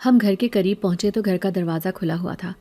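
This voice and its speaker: A woman telling a scripted horror story in steady, even narration. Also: medium pitch.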